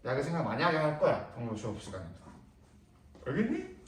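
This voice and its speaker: A man's voice: medium pitch, huge pitch swings, fast, a little hiss or hum. A young male English teacher lecturing a class, firing questions at students and repeating words as a drill, heard from a distance in a classroom. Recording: echoey room, voice from a distance.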